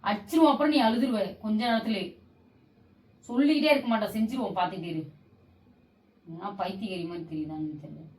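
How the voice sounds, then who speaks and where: A sleepy young woman at home at night, a vlogger in a couple prank video, scolds her partner over and over in a heated argument, repeating her demands and sounding drained and annoyed. Her mid-range, darkish voice comes fast with long pauses. The mic is distant and off her voice, in an echoey room with faint hiss.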